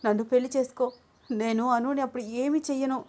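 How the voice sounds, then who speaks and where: A woman voicing a shrill, obsessive young woman. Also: steady tone, brisk, a little mellow, natural voice. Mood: unhinged. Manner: shrill, tearful, desperate begging. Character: obsessive jealous young woman, pleading and unhinged.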